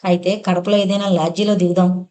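Woman voicing a gentle weary young wife. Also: lowish voice, flat delivery, brisk, reverberant, close to an everyday voice. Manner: soft, gentle.

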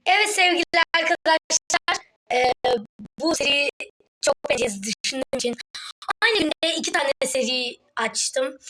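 A woman hosting a Minecraft let's play, talking to viewers in a playful, mischievous way with drawn-out words. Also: high-pitched. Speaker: gaming channel host. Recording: steady background noise.

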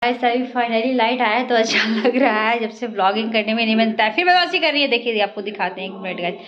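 Young mother, home vlog, fairly high voice, coaxing sing-song baby talk, dull lo-fi recording. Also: little pitch movement, brisk, fairly bright tone. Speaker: mother and family vlogger. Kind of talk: casual home vlog chat. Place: indoors at home.

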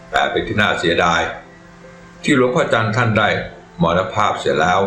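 A man narrating a Buddhist monk's life story in a calm, measured, reverent way. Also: sits low. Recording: echoey room with faint music. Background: faint music.

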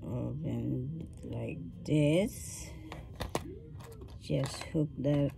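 Woman host of a craft tutorial, low mellow voice, very slow unhurried delivery, faint noise behind. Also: vocal fry. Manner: slow, thinking aloud while working with her hands.

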